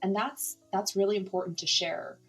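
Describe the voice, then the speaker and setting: A middle-aged Canadian woman, Cantonese her first language, speaks as a nonprofit founder guesting on a podcast in a candid conversational interview, earnest and reflective with hesitations and restarts. Her mid-range voice is a bit bright and slightly rough, with fairly even intonation at a moderate pace. Faint music plays behind her.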